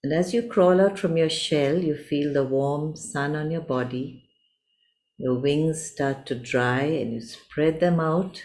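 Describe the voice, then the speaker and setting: A woman telling a gentle story for families, slowly and tenderly addressing the listener directly. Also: low-pitched, slight background noise. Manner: slow, warm, addressing the listener as you.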